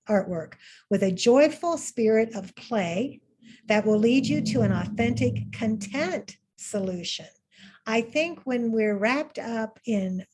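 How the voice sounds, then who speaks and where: A woman leads a webinar art lesson on a video call, cheerfully encouraging her students while using fillers and starting sentences over. She has a mid-range, slightly mellow, husky voice.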